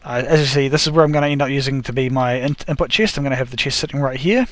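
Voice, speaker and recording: Very fast and a bit bright, a man's mid-range voice carries casual gameplay commentary as he describes each crafting step. The host stumbles and self-corrects along the way, his voice a little worn as though he is losing it.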